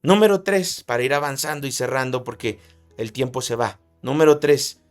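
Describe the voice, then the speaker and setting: A man's voice: medium pitch, normal speed, faint music behind. A man preaching a sermon, emphatic, repeating key phrases for emphasis. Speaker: pastor.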